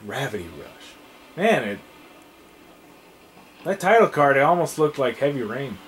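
Animated young man hosting a game playthrough. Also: mid-range voice, a little slow, slight background noise. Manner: rambling, animated, trailing off with fillers. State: tired. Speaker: let's play host. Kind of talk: casual gameplay commentary.

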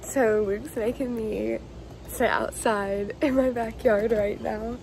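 A woman's voice: fairly high pitch, fairly even intonation, takes it slowly, creaky, noisy background. A young woman vlogging in a casual, gushing, emotional way. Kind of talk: casual vlog talk.

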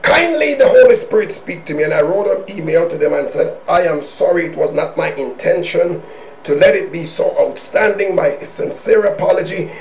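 High, animated, gravelly male preacher. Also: moderate pace, a little hiss or hum. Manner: emphatic, swings between hushed asides and shouted declarations. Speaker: minister. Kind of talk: preaching a personal testimony. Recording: roomy echo.

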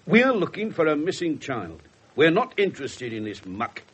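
Inspector Frost, wry British detective, lively intonation. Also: male voice, a little high, moderate pace. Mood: wry, dismissive. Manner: sardonic, offhand, muttering. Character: wry, slovenly, cynical middle-aged male police inspector. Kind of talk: 1970s British radio drama acting. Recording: slightly noisy 1970s radio recording.

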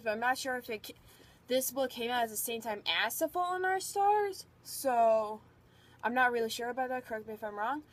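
A young woman casually reviewing a book on camera, rambling and chatty, a little out of breath. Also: sits high. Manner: rambling, chatty, filler-heavy. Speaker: book vlogger. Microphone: phone or webcam.

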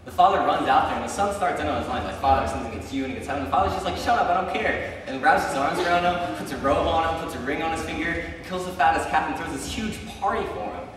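A man's voice: fairly high pitch, fast, few pauses, crowd noise. A young man giving a casual, chatty sermon, telling stories with frequent ums and likes. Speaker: preacher. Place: church sanctuary. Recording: echoey church hall from far off.

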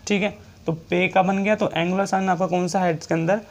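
A man teaching shorthand in a classroom-style lecture, repeating each point and checking in often, and reading English rule text out slowly. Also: high voice, fairly even intonation, vocal fry.

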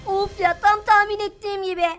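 Very high, bright anxious Minecraft role-player. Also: female voice, level tone, brisk, faint music behind. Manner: anxious and exclamatory, addresses viewers. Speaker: game video creator playing the lead. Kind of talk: Minecraft role-play narration.

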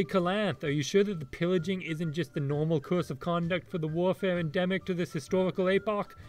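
A man who says his r like w, giving sarcastic, exasperated commentary as an opinionated critic who swears. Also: a little high. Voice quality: rhotacism, r sounds like w. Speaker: video essay critic. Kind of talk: opinionated ranting video commentary. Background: music behind the voice.

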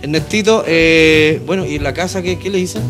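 Chilean man, interview host, raised pitch, informal halting questions, handheld mic, television studio. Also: music in the background. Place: television studio with small audience. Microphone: handheld microphone.

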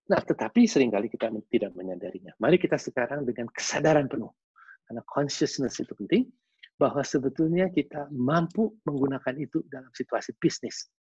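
A man giving a lively webinar lecture, acting out facial expressions with casual slang asides. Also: medium pitch, husky, no echo. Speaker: behavioral analyst giving a webinar talk. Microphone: video call. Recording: dull lo-fi video call audio.

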